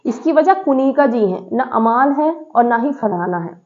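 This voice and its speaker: Animated woman gossip commentator with a higher voice on a tinny phone-like line, recapping and acting out quotes. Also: normal speed. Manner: animated, acts out quoted lines. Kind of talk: casual reality-show recap.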